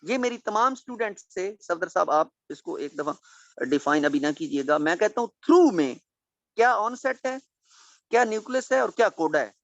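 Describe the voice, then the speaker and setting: Male teacher, classroom lecture, animated delivery, dull lo-fi dry recording. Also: high-pitched, normal speed, no echo. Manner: explains patiently, repeating key points. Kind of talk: classroom lecture with questions to students.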